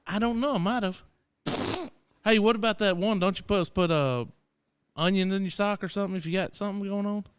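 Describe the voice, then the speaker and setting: Man, live podcast co-host, joking banter, high-pitched, clear voice. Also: brisk. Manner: joking, swears freely, laughs often. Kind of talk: casual live radio banter.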